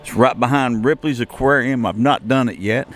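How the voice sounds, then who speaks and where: Outdoors at a shopping and entertainment complex, a man who travel-vlogs offers a casual walking-tour commentary. His medium-pitched voice moves at a moderate pace over slight background noise, and he rambles, with frequent fillers and restarts.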